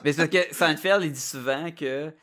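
A man's voice: fairly high pitch, moderate pace, very noisy. A man with a Quebec French accent hosting a casual chat in a colloquial, rambling way.

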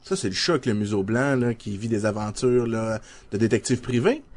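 A man with a Québécois French accent co-hosts a relaxed podcast chat. He lays out his points with plenty of hesitations and restarts. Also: lowish voice, brisk. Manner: relaxed, presents facts with many hesitations. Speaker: podcast co-host. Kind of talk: casual chat.

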